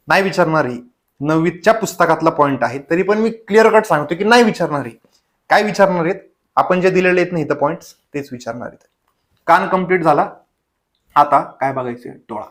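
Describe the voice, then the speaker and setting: Drilling Marathi man teaching a class. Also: fairly high pitch. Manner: repetitive question-and-answer drilling, conversational. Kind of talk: online exam-prep lecture.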